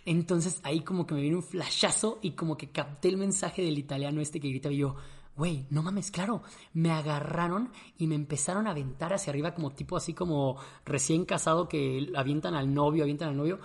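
A young man with a Mexican accent, casually telling an animated, slang-filled story to his audience and acting out his own reactions. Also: fairly high pitch, brisk.

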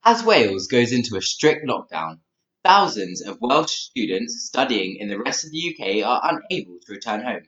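A man's voice: mid-range voice, big pitch swings, moderate pace, a bit bright. A man introducing a news item and putting prepared questions as a radio interviewer. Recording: echoey, slightly dull audio.

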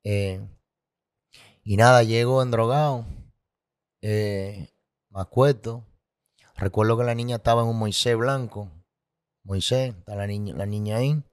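Hombre de voz grave contando su historia. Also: male voice, on the low side, steady tone, measured pace, pauses often, clean tone. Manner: emotional, vivid, repetitive sound effects. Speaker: guest. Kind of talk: candid personal storytelling.

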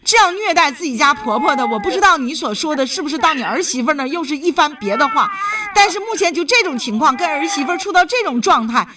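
A woman's voice: high-pitched, lively intonation, fast, few pauses, far from the mic, over a noisy crowd. A woman hosting a radio call-in show, giving blunt, indignant advice.

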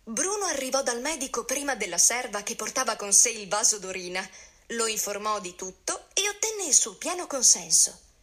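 A woman tells an old tale as a scripted reading. Her voice is bright and slightly high. She is expressive and shifts her delivery for each character. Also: normal speed. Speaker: narrator.

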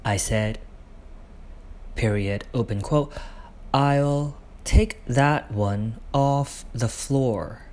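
A man dictating his own prose aloud, speaking every punctuation mark in a deliberate, halting way. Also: on the low side. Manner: slow, deliberate dictation with pauses.

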